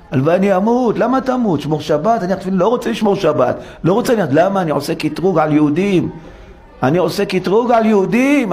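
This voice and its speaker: A man giving a sermon as a rabbi in a synagogue, preaching with animation and acting out rhetorical questions and quoted voices. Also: sits high.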